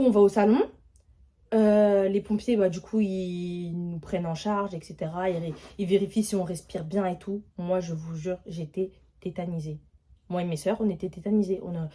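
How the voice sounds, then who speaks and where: A young woman vlogger telling a story in a casual, animated way, full of slang and repeated filler tags. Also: fairly low pitch.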